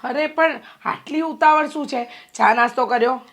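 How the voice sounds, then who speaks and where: A woman's voice: high voice, normal speed, a bit bright. A woman playing a fretful, nagging mother. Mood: worried. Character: worried, scolding middle-aged mother. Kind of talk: Gujarati short film drama.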